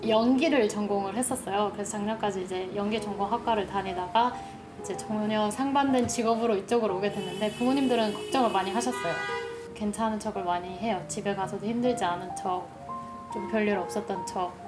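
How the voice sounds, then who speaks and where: A young woman in her twenties answering a street interview candidly and softly. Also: medium pitch, fast. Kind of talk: casual interview. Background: music.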